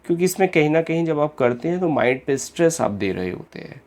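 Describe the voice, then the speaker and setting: A man with an Indian English accent teaching English literature in an online exam-prep lecture. He explains in Hindi mixed with English terms, reads questions slowly and keeps addressing his students as friends. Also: fairly high pitch, very animated, a little mellow.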